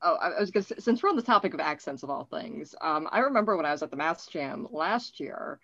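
A woman hosting an online show, chatting with a guest over a video call, friendly and quick to laugh. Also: low-pitched, lively intonation, creaky, sharp tone, dry recording, highs cut off. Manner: friendly, giggly, reading out viewer comments. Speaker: show host interviewing a guest. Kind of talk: casual interview chat.

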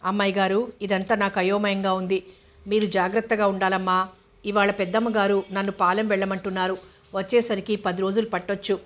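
A woman's voice: mid-range voice, little pitch movement, brisk, natural voice. A woman voicing a loyal, worried male house servant in a storybook reading, respectful and warning.

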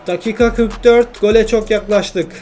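A young man commentating his own football video game play, shouting at teammates between frustrated and joking remarks. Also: sits high, fairly even intonation, normal speed, faint music behind. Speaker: gaming YouTuber.

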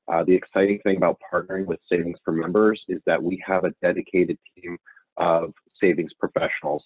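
A man presenting membership benefits in a virtual town hall, talking steadily with many ums as he walks through slides, on a tinny call line. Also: low-pitched. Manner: steady, filler-heavy delivery walking through slides. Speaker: membership director. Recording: tinny phone-line audio.

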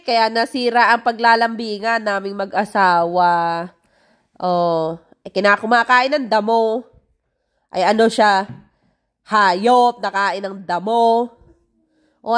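A woman's voice: on the high side, a bit bright. A middle-aged woman from the Philippines, chatting through a casual vlog voice-over of a family picnic, full of exclamations. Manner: chatty, exclamatory, lots of "ay" and "o, tingnan nyo". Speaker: vlogger narrating family picnic video.

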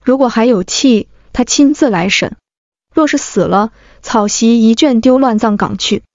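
A woman doing a sneering rough soldier. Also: on the high side, unhurried, a little mellow, no room sound. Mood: harsh scorn. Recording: dry, dull lo-fi.

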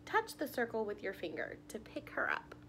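A young adult woman reads a children's picture book aloud at home in her living room, expressively asking her little listeners questions directly. Her voice is a little high, bright and forceful, with huge pitch swings at a normal speed. A little hiss or hum is audible.

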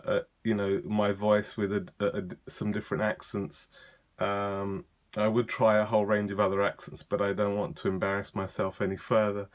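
Low-voiced man chatting casually. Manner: relaxed, chatty, many ums and uhs. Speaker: tech vlogger demonstrating a device. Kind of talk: casual spoken demo.

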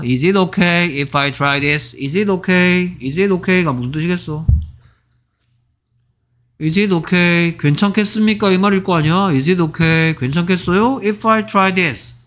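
A man teaching English to middle school students, repeating example phrases slowly and acting out short dialogues. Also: high-pitched, fairly bright tone. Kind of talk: exam-prep lecture.

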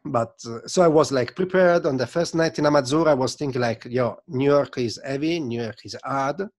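Fairly quick and mid-range in voice, an Italian-accented man in his thirties guests on a casual video call interview, telling stories with lively gestures and non-native phrasing. He's a sound system selector from Italy. He talks into a desk mic in a home studio room stocked with record shelves.

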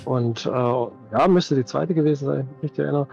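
Gravelly and darkish, a middle-aged man's medium-pitched voice runs a little fast as he talks reflectively on a video call from indoors at home. He's a tabletop game master appearing as an interview guest, often hedging in casual chat. His headset yields lo-fi sound over faint music.

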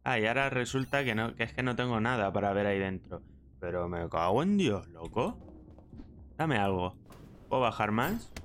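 A man's voice: fairly low pitch, lively intonation, normal speed, fairly bright tone, slight background noise. Spanish gamer man, loose and exclamatory. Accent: Spain. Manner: exclamatory, swears and laughs often. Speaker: gaming streamer. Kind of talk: let's play commentary.

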